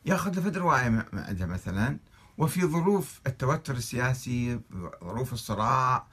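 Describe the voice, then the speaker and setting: Husky, forceful Iraqi male commentator, argumentative, reading and critiquing texts. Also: mid-range voice, expressive, fairly quick. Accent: Iraqi Arabic. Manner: argumentative, fires off rhetorical questions. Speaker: religious commentator.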